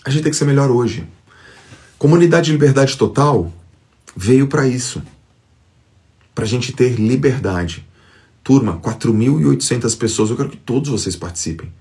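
A man's voice: medium pitch, animated, normal speed, pauses often, a little mellow. A man giving an emphatic motivational talk to followers on a phone live stream, acting out quoted thoughts.

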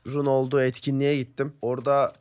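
Hoarse, swearing teenage gamer. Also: male voice, medium pitch, flat delivery, a little fast, darkish tone. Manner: profane, ranting, joking. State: hoarse from a sore throat. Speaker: gaming YouTuber. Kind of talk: casual gaming commentary.

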